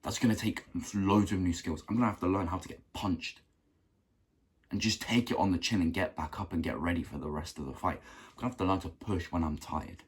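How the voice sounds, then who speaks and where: A young man giving an earnest motivational talk to camera, repeating phrases for emphasis and clearing a rough throat. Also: sits low, a little fast. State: keeps clearing his throat. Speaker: self-improvement vlogger.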